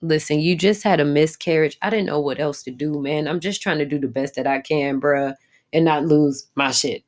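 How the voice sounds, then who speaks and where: Brief: woman playing a frazzled husband, casual slang, low-pitched. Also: moderate pace, natural voice. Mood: pleading. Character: exasperated young husband, worried and defensive.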